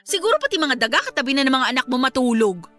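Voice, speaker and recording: Brief: a haughty, contemptuous woman employer in a radio play; high and bright, very animated. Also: rapid-fire, soft background music. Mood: scornful. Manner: sneering, contemptuous scolding. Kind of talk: radio drama acting.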